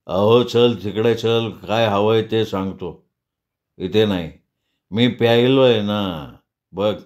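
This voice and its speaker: A man doing a drunk, leering brute. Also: a little mellow. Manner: slow, low, menacing drawl.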